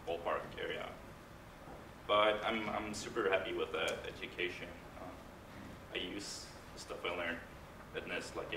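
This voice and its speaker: A man giving a casual conference talk, halting and hesitant with frequent restarts. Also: low-pitched. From Norway. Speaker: conference speaker, game composer. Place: large conference hall. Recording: echoey hall, distant mic, room noise.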